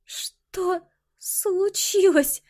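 A woman's voice: very high-pitched, drawn-out words, darkish tone, pitched above the performer's own voice, heavily acted. A woman voicing a frightened teenage girl who speaks breathlessly, tearful and pleading. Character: frightened teenage girl, sister of missing child.

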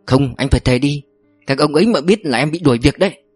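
A man's voice: a little high, quick pace, slightly rough, dry recording, faint music behind. A man reading an audiobook voices a young security guard who speaks politely and eagerly.

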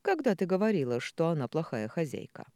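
Brief: reader as a sensible young husband, firm and reproachful, dark dry tone. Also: medium pitch, very animated, fairly quick, no echo, close to an everyday voice. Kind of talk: audiobook character voicing.

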